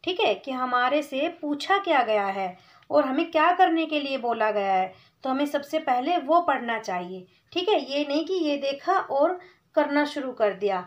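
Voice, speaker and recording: A woman teaching small children to read, patiently explaining step by step and sounding out syllables slowly and clearly. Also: sits high, lively intonation, muffled recording. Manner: addresses listener as "beta", checks in with "theek hai" often. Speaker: Hindi teacher for young children. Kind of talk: slow patient classroom explanation.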